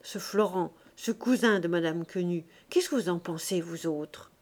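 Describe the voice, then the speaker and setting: A woman's voice: on the low side, a little slow, a little mellow. A woman reading aloud, voicing a gossipy, scheming old spinster who insinuates and pries. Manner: prying, insinuating.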